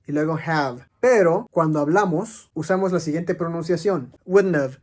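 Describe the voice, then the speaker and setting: A man's voice: on the high side, moderate pace. A man teaching English grammar, explaining step by step and answering his own questions. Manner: explanatory, asks questions and answers them himself.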